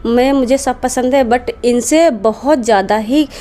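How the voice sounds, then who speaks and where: High-pitched woman from delhi, keeps repeating herself to make a point, casual interview guest. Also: unhurried, dark tone. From Delhi, India. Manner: emphatic, repeats her point insistently. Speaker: interview guest, social media creator.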